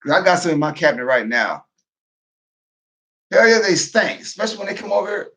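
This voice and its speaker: A man, a military veteran, talking in a loud, profane, casual monologue, breaking into laughter as he goes. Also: sits high, a little fast, slight background noise. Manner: loud, profane, laughing asides, animated rant.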